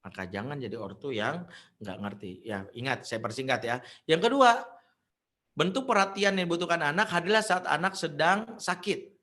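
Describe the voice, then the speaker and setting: Animated preacher man. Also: normal speed. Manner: animated storytelling, acts out quoted voices with big pitch jumps. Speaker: Islamic preacher. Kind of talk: parenting sermon with acted anecdotes.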